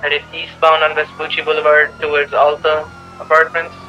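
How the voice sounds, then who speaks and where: Man on walkie talkie, police radio calls, clipped rapid directions, higher voice, flat delivery, dull lo-fi sound with faint hiss. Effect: over walkie talkie. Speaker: police officer in roleplay. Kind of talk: police radio calls during a car chase.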